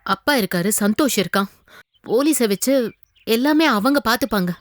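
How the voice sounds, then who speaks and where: A woman's voice: a little high, expressive, moderate pace, no echo, clean studio sound, close to an everyday voice. An actress playing a frightened young wife in a TV serial who pleads with her husband, her voice tearful. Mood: pleading calm. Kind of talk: TV serial acting. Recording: background music score.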